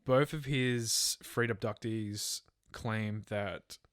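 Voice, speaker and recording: A man with a fairly low, smooth voice speaks slowly in a clean studio recording with no echo. Co-hosting a true crime podcast, he narrates a case from his notes in casual language, mixing in chat and stumbling and correcting himself along the way.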